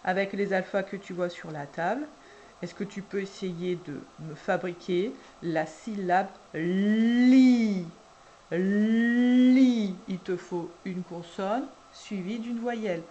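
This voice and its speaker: Woman teacher explaining a dictation to parents, super slow, drawn out syllables, soft dark tone. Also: fairly low pitch, lo-fi sound, a little hiss or hum. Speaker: preschool teacher. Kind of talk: instructional video for parents.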